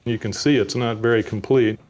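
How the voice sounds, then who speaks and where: A man's voice: medium pitch, fairly even intonation, fairly quick, darkish tone. A man speaking as an expert in a documentary interview, plain and matter-of-fact.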